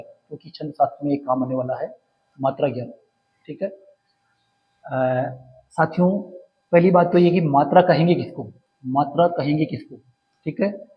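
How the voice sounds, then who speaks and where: A man's voice: a little high, lo-fi sound, a little hiss or hum. A man giving a lecture to students, asking questions and answering them himself, repeating key terms again and again. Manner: repetitive, addresses students as friends, asks and answers own questions. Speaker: teacher. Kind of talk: classroom lecture.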